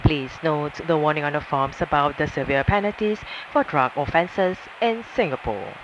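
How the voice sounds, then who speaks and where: A man's voice: a little high, moderate pace. A male flight attendant reading a formal, polite scripted announcement over an aircraft cabin PA. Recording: muffled aircraft cabin PA, loud engine noise.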